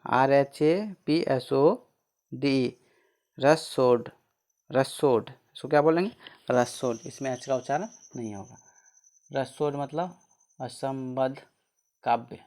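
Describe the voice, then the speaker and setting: A man gives a pronunciation lesson at an unhurried, deliberate pace. He spells out each word letter by letter, then says it again slowly. He poses questions to the class and answers them himself. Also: mid-range voice. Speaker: teacher.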